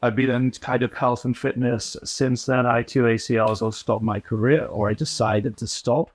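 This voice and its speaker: A man from Newcastle with a mixed northern English accent, a podcast guest telling his story in relaxed casual chat, often restarting his sentences. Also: medium pitch, normal speed, dry recording. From Newcastle, England.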